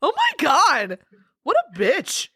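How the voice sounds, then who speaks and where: A woman co-hosting a podcast in relaxed, rambling chat. Her voice sits high and swings widely in pitch, and she curses freely between bursts of laughter. The sound is dry and close. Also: slow, no room sound. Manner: chatty, swears freely, laughs loudly at her own jokes. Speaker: podcast co-host. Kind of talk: casual chat.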